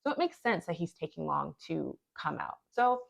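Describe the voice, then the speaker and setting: A woman's voice: deep voice, sing-song, moderate pace, gravelly, dull audio. A woman vlogger telling a personal story in an earnest, reflective storytime way. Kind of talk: storytime narration.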